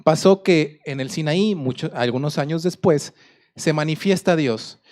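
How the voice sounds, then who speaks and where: A man's voice: on the high side, a little slow, darkish tone. A man with a Mexican accent preaching a sermon in a conversational storytelling way, asking the congregation questions. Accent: Mexican Spanish.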